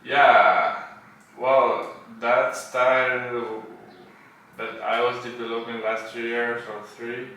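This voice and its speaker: Speaking slowly in a mid-range voice with little pitch movement and a sharp tone, a Buenos Aires tattoo artist chats casually as a podcast guest. A native Spanish speaker with an Argentine accent, he phrases his English hesitantly. The recording is muffled, with roomy echo, a distant mic and faint noise.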